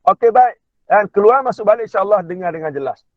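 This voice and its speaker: High-voiced Malaysian teacher over a tinny phone line. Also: male voice, no echo. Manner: checks in with listeners by asking "kan?" and drawls out slow recited words as examples. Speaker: religious teacher. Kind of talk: online Quran recitation class. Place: inside a car.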